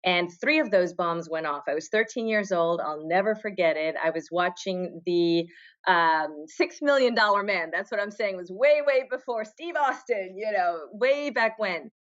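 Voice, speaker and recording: A middle-aged Argentine woman, a fitness competitor, guests on a podcast for a casual interview chat. Her mid-range voice moves at a moderate pace as she tells stories, restarting sentences and trailing into asides. The audio is lo-fi.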